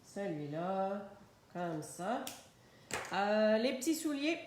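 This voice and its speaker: A woman's voice: medium pitch, sing-song, takes it slowly, darkish tone. A woman with a Québécois French accent, chatting unhurriedly through a live stamping and coloring tutorial and describing each step as she works. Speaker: craft demonstrator. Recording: very echoey room, faint noise.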